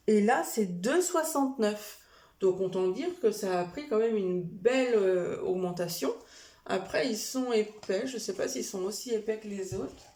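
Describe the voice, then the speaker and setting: A woman's voice: medium pitch, gravelly, dark tone. A woman chatting casually to camera as she shows a shopping haul, talking in a hesitant way with many fillers and small self-corrections. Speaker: vlogger showing a shopping haul.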